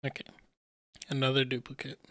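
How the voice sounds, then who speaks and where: A man giving relaxed, rambling commentary on comic panels as a streamer, chuckling at himself now and then. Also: medium pitch, fairly quick, no room sound, clean studio sound. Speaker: streamer analyzing manga panels. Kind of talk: casual commentary.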